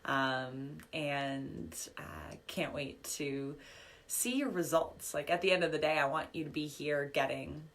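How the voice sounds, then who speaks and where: A woman with a low voice leads a live online workshop as a business coach. She talks in a chatty, upbeat way full of "um" and "like", and her voice is a little worn, as if she is losing it. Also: measured pace, a bit bright. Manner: chatty, upbeat, filler-heavy, reading chat comments aloud. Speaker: business coach and podcast host.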